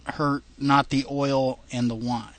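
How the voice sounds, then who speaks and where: A man's voice: medium pitch, level tone, takes it slowly, no echo. Casting note: male podcast co-host, mid-range voice, reads old scripture aloud and stumbles over the wording, dry close mic. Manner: reads long passages with stumbles and laughs at the wording. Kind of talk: casual chat, reading scripture aloud.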